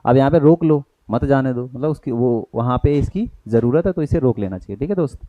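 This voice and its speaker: A man's voice: medium pitch, lively intonation, brisk, mellow, dry recording, highs cut off. A man with an Indian accent teaching an exam-prep grammar lesson, explaining in Hindi with English terms and asking and answering his own questions.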